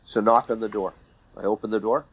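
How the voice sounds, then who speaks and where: Husky low-voiced older man telling stories. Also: brisk, lo-fi sound. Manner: animated storyteller, acting out quoted exchanges. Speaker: retired hockey referee, guest. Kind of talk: storytelling interview.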